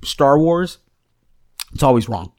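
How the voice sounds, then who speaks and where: A man's voice: mid-range voice, animated, slow pace, darkish tone, dry recording, studio quality. A man co-hosting a casual chat show, rambling along with frequent restarts and fillers. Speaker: podcast co-host.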